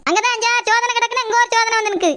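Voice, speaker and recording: A woman's voice: very high voice, fairly even intonation, rapid-fire, a bit bright. A woman voicing a scheming young daughter-in-law and mother who grumbles and mutters sarcastically in a comic skit. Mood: grumbling.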